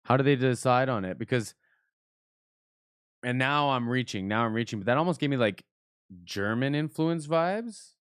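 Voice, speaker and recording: Man, live stream reaction, casual chat, thinking aloud, mid-range pitch, close dry sound. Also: a little fast, long pauses, fairly bright tone, clean tone, no room sound.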